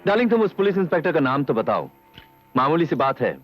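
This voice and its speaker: A smug crime boss who gives orders with easy arrogance and swings widely in pitch. The dull, muffled old film soundtrack carries music underneath. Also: male voice, sing-song, fast talker. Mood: scornful. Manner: smug, commanding, mixes English phrases. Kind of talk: 1980s Hindi film dialogue.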